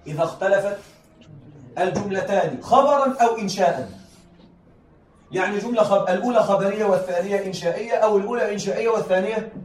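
A man's voice: sits high, a little mellow. A male teacher explaining a grammar lesson to a class, often repeating himself and checking that his students follow. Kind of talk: classroom lesson on Arabic rhetoric. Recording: echoey room, voice from far off, faint background noise.

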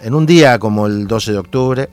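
A man's voice: on the low side, moderate pace, a little mellow, soft background music. A man from Argentina with an Argentine accent, hosting a radio talk show and speaking hesitantly with many fillers. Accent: Argentine Spanish.

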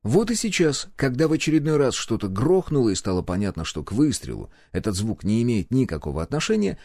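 A man's voice: fairly low pitch, darkish tone, no echo. A man reading a first-person audiobook in a wry, conversational way. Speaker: audiobook narrator. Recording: dry close-miked voice.

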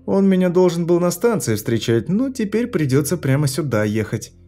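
A man's voice: fairly high pitch, very animated, moderate pace, soft background music, pitched above the performer's own voice. A man doing an angry young woman stuck in a lift. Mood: defiant. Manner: sharp, indignant retorts.

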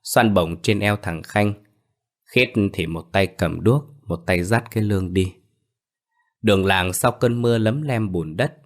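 A man narrating a ghost story in a steady, measured reading. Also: deep voice.

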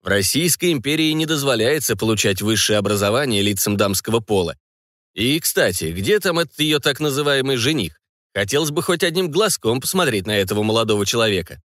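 A man playing a stern middle-aged cavalry colonel and father, measured and dryly ironic. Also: mid-range voice, animated, a bit bright, no room sound, lightly acted. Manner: stern, measured, dry irony.

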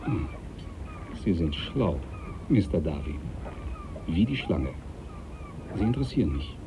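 An actor playing a haughty, pious young aristocratic sea captain in a German radio drama, formal, needling and domineering. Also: male voice, deep voice, sing-song, measured pace, exaggerated voice. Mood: sardonic, challenging. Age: young adult. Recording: thin phone-like sound, faint noise.

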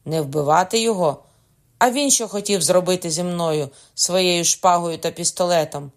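A woman reading aloud and voicing a hot-tempered young male soldier who shouts threats, in a storybook reading. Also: fairly low pitch, normal speed, voice pushed up, close to an everyday voice. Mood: threatening.

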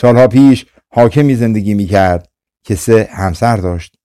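A man reading a folktale aloud for an audiobook in a calm, measured storytelling manner. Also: lowish voice, clear, resonant tone, no echo, studio quality. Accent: Persian. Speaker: audiobook narrator. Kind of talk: scripted storytelling narration.

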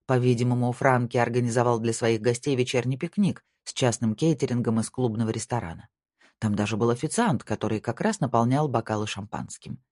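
A man narrating a crime novel in a steady reading voice, giving the dialogue small shifts. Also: medium pitch, dry recording, studio quality. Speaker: audiobook narrator. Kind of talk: scripted narration.

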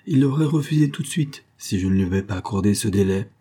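A man reading aloud and voicing a calm gentleman who answers in measured, patient replies. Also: on the low side, husky.

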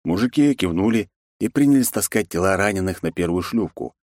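A man narrating a first-person action audiobook in a measured, deadpan way. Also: low voice, no echo, studio quality.

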